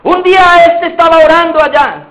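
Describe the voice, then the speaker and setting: A male pastor delivers an emphatic sermon and keeps calling out to his congregation as brothers. His voice is pitched very high for a man. The sound carries through an echoey church hall. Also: lively intonation, fairly quick, highs cut off.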